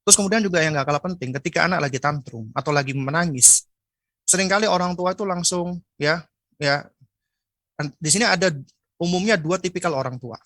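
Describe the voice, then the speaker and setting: A male preacher gives a parenting lecture, often stopping to search for words and restarting phrases. His voice sits somewhat high for a man and is recorded close and dry, with no room echo. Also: fairly quick, long pauses, fairly bright tone. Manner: many fillers and restarts while searching for words. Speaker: Islamic preacher.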